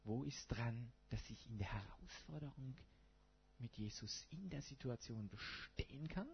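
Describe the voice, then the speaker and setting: Male pastor giving a sermon in a casual tone, with an animated, husky voice on a dull lo-fi recording. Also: mid-range voice, measured pace. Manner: colloquial, asks the congregation rhetorical questions.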